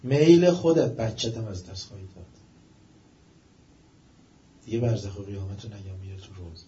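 A man giving a religious-ethical lecture, asking questions of his listeners and rising to emphatic, drawn-out stresses. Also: sits low, steady tone, darkish tone, slight background noise. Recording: echoey room, dull lo-fi sound.

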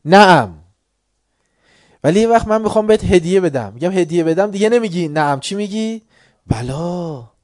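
Animated man teaching a religious class. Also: mid-range voice, no room sound, studio quality. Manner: animated storytelling with swings between loud and quiet; recites verse slowly and drawn out. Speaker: religious lecturer. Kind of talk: informal religious class talk.

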